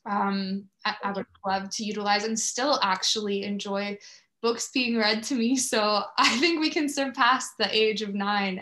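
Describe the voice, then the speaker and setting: A woman hosting a podcast interviews a guest conversationally, sounding appreciative and effusive. Her voice is medium-pitched and a bit bright.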